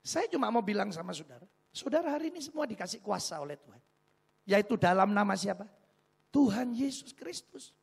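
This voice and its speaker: A man's voice: high-pitched, sing-song, a little fast, vocal fry, breathy edge. A male pastor preaching a sermon, telling humorous anecdotes and putting rhetorical questions to the congregation.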